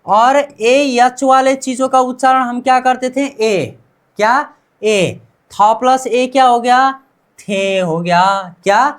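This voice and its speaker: Speaking slowly in a fairly high pitch, an Indian-accented woman teaches Korean sounds in Hindi. She goes over each word many times and asks students questions before giving the answers herself.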